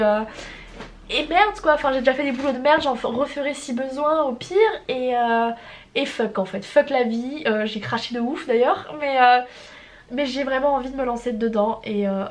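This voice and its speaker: A young woman in her twenties with a somewhat high voice and a stuffy nose. She talks in a loose, rambling vlog style, slangy and full of casual swearing. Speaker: writer vlogging her progress. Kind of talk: casual chat.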